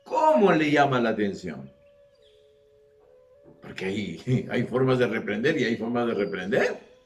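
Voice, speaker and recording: Preaching unhurriedly in a medium-pitched voice, a man animates his sermon by acting out the people he mentions and asking rhetorical questions. The room is echoey.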